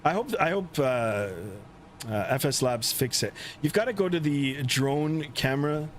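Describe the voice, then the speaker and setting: Casual male streamer over faint engine rumble. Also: measured pace. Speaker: flight simulator livestream host. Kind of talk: casual livestream commentary. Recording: steady aircraft rumble behind voice.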